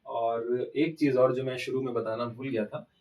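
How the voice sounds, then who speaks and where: A man's voice: medium pitch, steady tone, moderate pace, a little mellow, far from the mic, dull audio. Man teaching grammar with rhetorical questions. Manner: asks rhetorical questions and answers them himself. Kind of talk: classroom-style grammar lesson.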